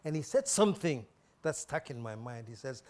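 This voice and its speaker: A man's voice: mid-range voice, sing-song, normal speed, darkish tone. A man hosting a talk show, reacting often with exclamations and affirmations as he interviews guests. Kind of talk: casual interview.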